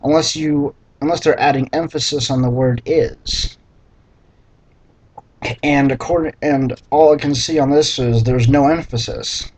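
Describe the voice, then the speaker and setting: A man's voice: medium pitch, fairly even intonation, moderate pace, hardly any pauses, a little mellow, slight background noise, poor audio. A man reading a bad novel aloud and mocking it with sarcastic, exasperated comments. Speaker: book reviewer reading aloud. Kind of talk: sarcastic read-through commentary.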